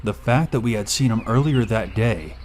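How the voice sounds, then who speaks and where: Guy narrating a scary story, kinda low voice, calm and even, bit of hiss behind. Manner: steady, measured first-person telling. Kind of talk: scripted horror story narration.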